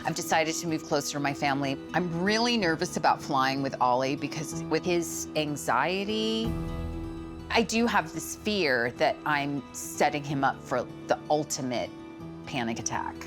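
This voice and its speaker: Low-voiced and speaking at a moderate pace, a middle-aged dog owner from Sweden chats playfully about her dogs, laughing at herself along the way. It's a casual interview with a music bed in the background.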